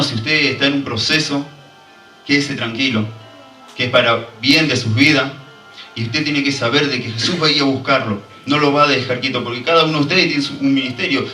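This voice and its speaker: A man's voice: medium pitch, sharp tone, echoey room, distant mic, poor audio. A man preaching a fervent sermon and drawing call-and-response from the congregation. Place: church hall.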